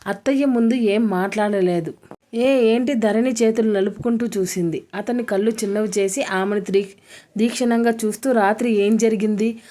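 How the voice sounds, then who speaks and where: A woman reading a serialized romance story aloud as its storyteller, steady and even, sometimes correcting herself. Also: mid-range voice.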